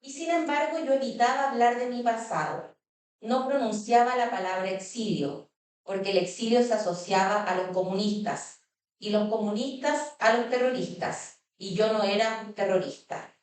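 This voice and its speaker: A woman moderates a panel and reads a passage aloud, measured and steady. Her voice sits at a middle pitch. It comes from a distance and rings through a large, echoey hall. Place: consulate event hall.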